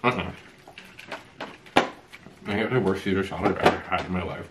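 A man's voice: low-pitched, fairly quick, roomy sound, heavy background noise. A man talking while chewing, giving easygoing, candid food verdicts in a casual mukbang chat. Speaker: co-host of a food review.

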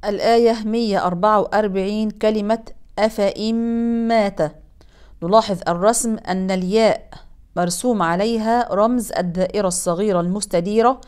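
A woman teaching Quran recitation rules, explaining briskly and then drawing out example words very slowly. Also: mid-range voice, fairly even intonation, a little mellow, clear, resonant tone. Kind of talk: tajweed lesson with slow recited examples.

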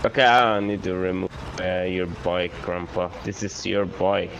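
A man's voice: deep voice, steady tone, a little slow, vocal fry, fairly bright tone, muffled recording. A man chatting casually as a player in improvised online game role-play. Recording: noisy game voice chat.

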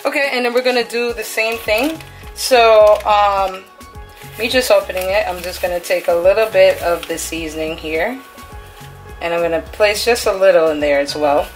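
A woman's voice: mid-range voice, normal speed, soft background music. A woman filming a casual cook-along in her home kitchen, chatty and upbeat as she talks through each step. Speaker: cooking vlogger.

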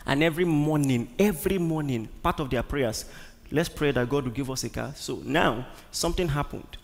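Nigerian man, pastor, sermon, gravelly tone, long hall reverb, emphatic repetitions, questions to the congregation. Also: fairly high pitch, moderate pace. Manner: emphatic preaching with repeated words and questions to the congregation. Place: large church hall.

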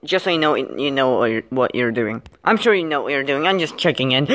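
A woman's voice: a bass voice, animated, fairly quick, fairly bright tone. A woman casually commenting on her plush toy skit video, rambling and filler-heavy with a giggly manner.

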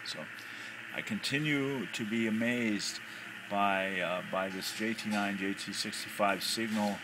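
An American amateur radio hobbyist, speaking in a fairly low, fairly even voice at a measured pace, gives a casual, off-the-cuff demonstration while hesitantly thinking aloud. He's indoors at his home radio desk, and the handheld recording is noisy.

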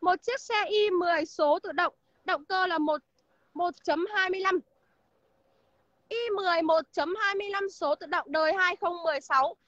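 A woman pitches used cars in a very high, bright, ringing voice, rattling off features and prices. She greets her viewers by name as she goes. The sound is dry and a bit dull, like a phone stream from an outdoor car lot. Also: moderate pace, no room sound. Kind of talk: livestream sales pitch.

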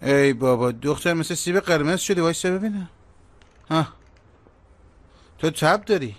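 A man's voice: a little high, no room sound, natural voice. A man dubbing a jokey, bossy working-class older brother in a drama, talking in playful banter. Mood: teasing. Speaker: dubbing actor.

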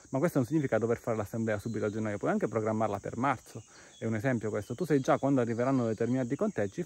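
A man's voice: mid-range voice, a little mellow. A man hosting a podcast, chatting casually while walking outdoors, quoting imagined listeners and a little out of breath. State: out of breath from climbing. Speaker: podcast host. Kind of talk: walking vlog talk. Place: outdoors on a trail by a cave.

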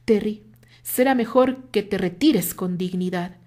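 A woman's voice: medium pitch, a little slow, a little mellow, natural voice. Brief: woman playing confident mocking rival, firm and cutting, storybook reading. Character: self-assured man, firm and mocking rival.

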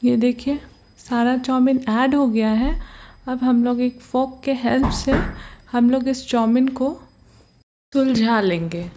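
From her home kitchen, this cooking channel host walks viewers through a recipe step by step in a warm, fairly high voice, with slight background noise. Patient and slow, she keeps pointing things out, saying "ye dekhiye" again and again.

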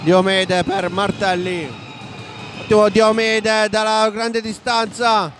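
Man, Italian accent, live basketball commentary, high voice, unhurried pace, faint hall noise behind. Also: level tone, a bit bright. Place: indoor basketball arena. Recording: noisy sports hall ambience.

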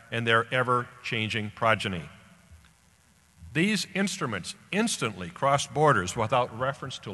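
This older American man, about 70, stands at a podium on a big indoor auditorium stage, delivering a scripted graduation address as the guest speaker. His mid-range voice sounds pushed and bright, and each phrase comes out deliberate and emphatic. The hall's PA gives the recording an echoey quality.

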